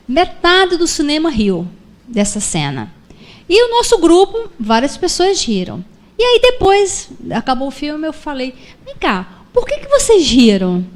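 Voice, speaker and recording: A woman from Rio de giving a spiritist lecture, telling stories and acting out dialogue. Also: sits high. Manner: animated storytelling with acted dialogue. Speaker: spiritist speaker. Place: lecture hall of a spiritist center.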